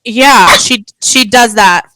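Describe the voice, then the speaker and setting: A woman's voice: a little high, takes it slowly, background noise. A woman co-hosting a podcast, chatting and explaining celebrity gossip. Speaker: podcast co-host. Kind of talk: casual chat.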